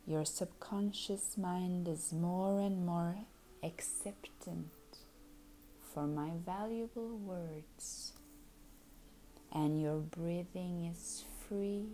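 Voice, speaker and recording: A woman leads a hypnosis session in a very slow, unhurried drawl. Her voice is low-pitched and mellow, soft and soothing, with many phrases dropping into a breathy whisper. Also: a little hiss or hum, rough recording.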